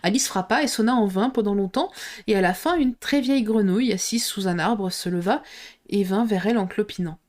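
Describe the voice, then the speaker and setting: A woman's voice: mid-range voice, brisk. Woman reading a storybook aloud. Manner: steady, clear storytelling read-aloud. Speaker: reader.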